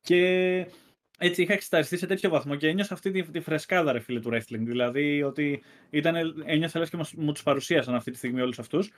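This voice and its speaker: A man co-hosting a casual wrestling podcast, rambling with lots of fillers as he gathers his thoughts. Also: on the high side. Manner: rambling, many fillers and restarts. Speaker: podcast co-host.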